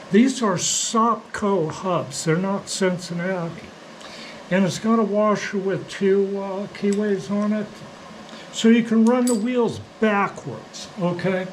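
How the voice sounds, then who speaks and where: An older man speaks in a weak, reedy, hoarse voice that sits high for a male. He walks through a workshop task at a slow, halting pace in plain, casual words. A little noise sits behind him. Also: rough recording. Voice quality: weak, thin, hoarse voice from surgical damage. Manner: halting, plain-spoken explaining. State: hoarse from smoke. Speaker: millwright demonstrating shop tools. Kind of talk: casual hands-on workshop demonstration.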